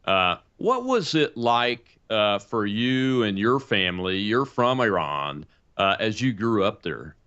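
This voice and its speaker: A man's voice: fairly low pitch, very animated, slow pace, few pauses, pushed and bright, clear, resonant tone, dull audio. Older male talk show host, emphatic. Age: 60s. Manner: emphatic, with frequent fillers and restarts. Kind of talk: political talk show hosting.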